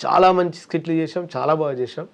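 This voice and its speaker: A man's voice: fairly high pitch, quick pace, creaky. A man, a comedian and mimic, talking in a casual interview and acting out quoted voices as he tells stories.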